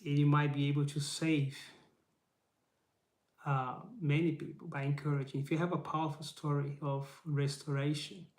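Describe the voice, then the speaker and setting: A YouTube host whose first language is Portuguese gives a casual live motivational talk in English to camera, earnest and encouraging, posing rhetorical questions and often adding "right?". His fairly high voice is flat and moderately paced, and the camera mic captures a reverberant sound.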